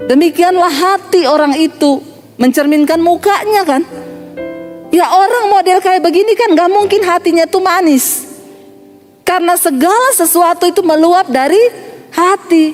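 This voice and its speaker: A middle-aged woman pastor with an Indonesian accent, preaching a sermon as animated storytelling and often calling her listeners "Saudara". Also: very high-pitched, normal speed, faint music behind.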